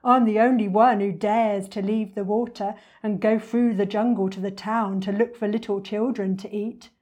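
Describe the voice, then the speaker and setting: A woman's voice: medium pitch, steady tone, moderate pace, a little mellow, natural voice. A woman voicing an enormous, boastful, wicked male crocodile in a storybook reading, gloating and lingering with relish on words.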